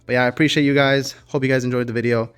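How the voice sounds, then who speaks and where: A man's voice: mid-range voice, little pitch movement, racing, a bit bright, clean tone. Rambling, laid-back young shop guy. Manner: loose, rambling talk with fillers and restarts. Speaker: custom car shop owner. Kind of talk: casual shop vlog.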